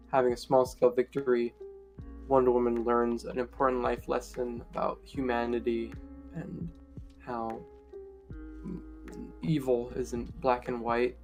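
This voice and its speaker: A young man co-hosting a casual movie review chat, blunt, sarcastic and full of swearing. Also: medium pitch. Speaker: co-host. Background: lo-fi music.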